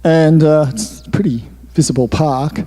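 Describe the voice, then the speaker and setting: A man's voice: a little high, moderate pace, warm tone. An author telling a candid, rambling story with asides, speaking in a hall with his slides. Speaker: author giving a talk. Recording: roomy hall reverb.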